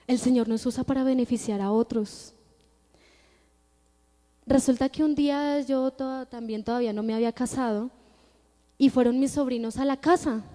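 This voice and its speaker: A woman's voice: on the high side, warm tone. A young woman with a Colombian Spanish accent, giving an earnest testimony in a church service. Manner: earnest, storytelling, emphatic. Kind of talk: testimony sermon. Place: church hall. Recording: long church-hall reverb.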